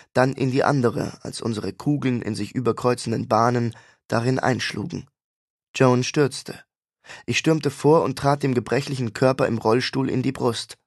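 A man reads a fantasy story in the first person with steady, even storytelling. His voice is gravelly with a husky edge, at a middle pitch. The recording is dry and close. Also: dry recording. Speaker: audiobook narrator. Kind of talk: first-person audiobook narration.

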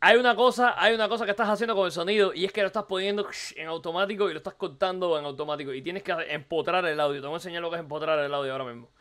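Fast, bright-voiced Cuban man streaming. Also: high-pitched. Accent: Cuban Spanish. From Cuba. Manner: animated, teasing, repeats phrases, asks rhetorical questions. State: hoarse from recording the night before. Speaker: streamer reviewing a viewer's video. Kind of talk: casual live-stream commentary.

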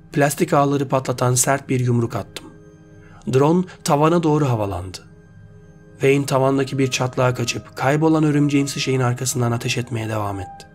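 A man's voice: mid-range voice, darkish tone. Man narrating a story over faint music.

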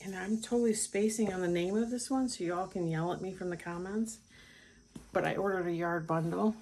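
A woman's voice: fairly low pitch, fairly quick, darkish tone, husky. A middle-aged woman hosting a stitching vlog, chatting casually about her craft purchases with frequent ums and restarts. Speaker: craft channel host.

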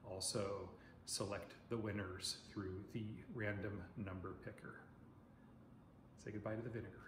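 A man in his forties from Oregon, United States, hosts an insect channel and chats casually to the camera from his dining room at home. His voice is loud and on the low side, full of filler words, and the very echoey room carries faint noise.

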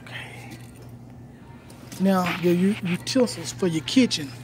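Holding a phone out at arm's length, a middle-aged man vlogs casually as he walks a big store aisle indoors, calling out prices to his viewers again and again. He speaks slowly in a high-pitched voice against the noisy background of the store.

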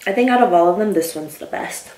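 A young woman chatting casually as she eats on her video, pausing, her mouth burning from spicy food. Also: medium pitch, a little mellow. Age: young adult. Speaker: mukbang video host. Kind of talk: casual chat while eating. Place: small room indoors. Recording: echoey room, distant camera mic.

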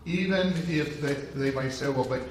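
A man's voice: on the high side, normal speed, slight background noise. Older guy priest giving a talk, lots of uhs, big echoey room, mic a bit far off. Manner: animated, gestures widely, many fillers and restarts. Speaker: Jesuit priest lecturer. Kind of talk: conference lecture. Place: large conference room with audience. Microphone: handheld microphone, far camera. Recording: echoey hall, heard from far off.

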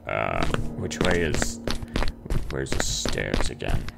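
A gamer gives casual let's play commentary on his horror game playthrough, muttering asides, exclaiming nervously and making playful little noises. His bass voice is gravelly and very animated, though his pace is slow. Loud music plays behind him.

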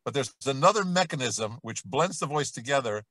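A man voice coach leading a vocal warm-up lesson, explaining each exercise and then demonstrating it with sung vowels and scales. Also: medium pitch, animated, brisk, dry recording, low-quality recording.

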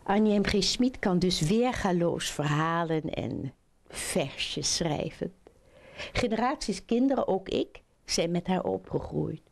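A woman reading children's stories aloud in an expressive, animated storytelling manner. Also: lowish voice, takes it slowly, creaky.

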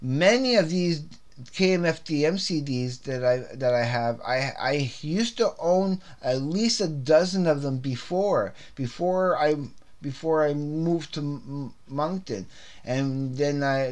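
With a mid-range, unhurried voice, a Canadian man hosts his own CD review video series. He gives a casual, unscripted album review, rambling, repeating words, restarting sentences and sounding slightly scratchy in the throat.

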